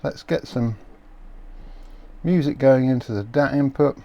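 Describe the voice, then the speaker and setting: A man's voice: medium pitch, a little slow, dark tone, lo-fi sound. Chatty self-mocking man at the workbench. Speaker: electronics repair video host. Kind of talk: casual workbench narration.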